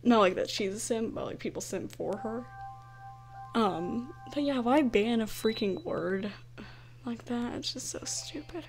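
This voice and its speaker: A woman's voice: a little high, animated, a little slow. A woman giving casual let's-play commentary at home, giggly and self-mocking, with frustrated outbursts at the game. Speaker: gaming YouTuber. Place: home at night, keeping quiet. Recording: game music behind the voice.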